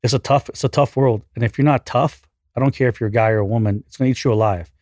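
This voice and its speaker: A man's voice: mid-range voice, fast talker, darkish tone, no echo, studio quality. A man interview guest who speaks brashly and with great enthusiasm. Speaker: podcast guest, entrepreneur. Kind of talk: candid interview conversation.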